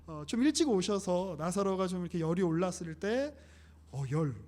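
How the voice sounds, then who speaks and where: A man's voice: sits high, animated, normal speed, a little mellow. A young man preaching a casual live-streamed sermon, chatty and joking, often laughing. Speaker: pastor.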